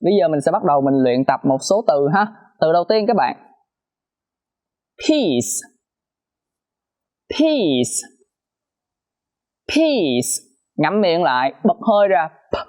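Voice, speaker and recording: A man teaching a pronunciation lesson, repeating sounds slowly and emphatically to demonstrate them. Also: a little high, animated, darkish tone.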